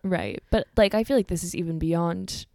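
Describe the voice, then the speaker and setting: A teenage girl with a fairly low voice co-hosts a political podcast. She talks loosely, with plenty of fillers, and often lets her sentences trail off quietly. The recording is dead dry. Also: moderate pace, dry recording. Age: teens. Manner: casual, filler-heavy, trailing off softly. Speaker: podcast co-host. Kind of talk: casual political podcast chat.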